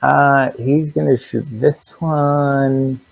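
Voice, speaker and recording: A man's voice: mid-range voice, steady tone, very slow, gravelly, poor audio. A man acting as game master, narrating a tabletop game casually and playfully, with swearing and sound effects.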